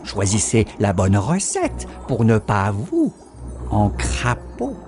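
A woman's voice: extremely low pitch, huge pitch swings, slow, over music. A woman reciting a children's poem with a playful, swooping delivery. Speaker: reader. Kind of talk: dramatic poem reading.

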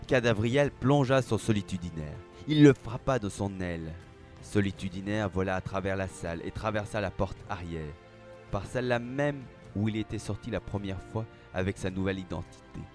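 A man reads a story aloud in a measured, dramatic manner. His voice sits a little low. Soft music plays quietly under the narration. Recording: faint background music.

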